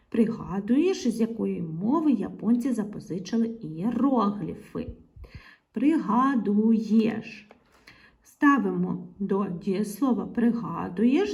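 A woman's voice: medium pitch, gravelly, darkish tone, muffled recording. A woman teacher, patiently explaining a grammar lesson to young pupils, sometimes dropping to a half-whisper. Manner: slow, patient explaining to children, often half-whispered asides. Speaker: primary school teacher.

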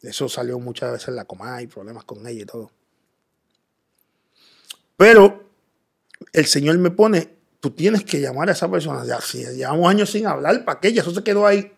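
Man, raised gravelly voice, earnest interview guest recounting his story. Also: on the high side, expressive, moderate pace, pauses often. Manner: earnest storytelling, quoting himself in dialogue. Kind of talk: personal testimony in interview.

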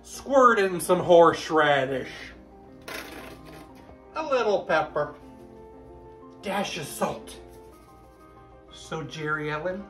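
A man in his thirties hosting a casual home cooking video in his kitchen, with animated, gushing exclamations. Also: a little high. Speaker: cooking channel host. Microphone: camera at close range.

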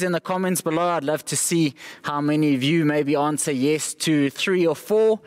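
A young man preaching a livestreamed sermon in an empty church auditorium, talking to online viewers in a conversational way with fillers. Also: medium pitch. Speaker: pastor.

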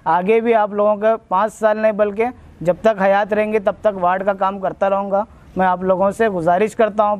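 A man's voice: high-pitched, darkish tone. A man running for a local ward seat, making earnest, repetitive appeals for votes in an interview. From India. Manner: earnest, repetitive appeals in formal Urdu-laced speech. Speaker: ward election candidate. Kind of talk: campaign interview and vote appeal.

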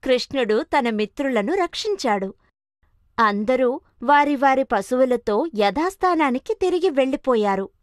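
A woman's voice: high-pitched, animated, unhurried, no room sound, clean studio sound. A woman narrating a children's cartoon story with dramatic expression.

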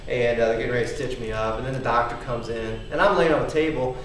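Speaking fast in a medium-pitched, fairly bright voice with fairly even intonation, a home fitness vlogger in his thirties chats loosely about his homemade gym gear and a story, often saying "okay?". The camera mic sits across a large wood-paneled garage at night, making him sound echoey and far away.

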